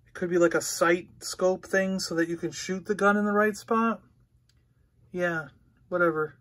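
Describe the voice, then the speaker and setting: A man's voice: high-pitched, fairly even intonation, normal speed, a bit bright. A man hosting a casual toy unboxing, rambling easily as he handles the pieces and talks through them. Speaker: toy reviewer and podcast host.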